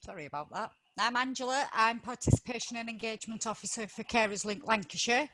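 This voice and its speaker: A woman's voice: fairly high pitch, quick pace, sharp tone, rough recording. A woman giving a plain, matter-of-fact introduction of her charity role, heard over a video call in an online meeting. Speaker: charity engagement officer.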